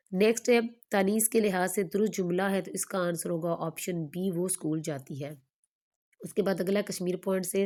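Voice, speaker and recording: A woman teacher going through an exam paper question by question, stating each answer in a steady, explanatory way. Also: lowish voice.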